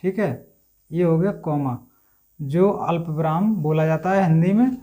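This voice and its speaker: A man teaching a grammar lesson step by step, often checking in with his listeners and clearing his throat now and then. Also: on the high side, normal speed, warm tone. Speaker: Hindi teacher.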